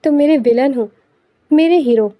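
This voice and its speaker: A woman's voice: high voice, no room sound, highs cut off, natural voice. A woman voicing a teasing, affectionate young wife in an audiobook novel. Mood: playful.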